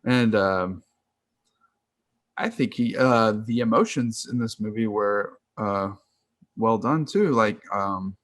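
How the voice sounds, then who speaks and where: This man, a film podcast co-host in his twenties, speaks slowly in a fairly low pitch over a dry recording. On a video call he rambles eagerly about films, his casual talk full of slang.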